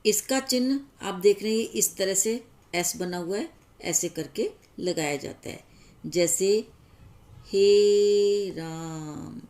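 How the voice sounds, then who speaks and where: A woman teacher explains grammar rules slowly and carefully. She pauses to sound out each example, at an easy, measured pace. Her pitch sits at an ordinary middle height. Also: darkish tone. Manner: slow, explaining step by step with examples. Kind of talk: classroom grammar lesson.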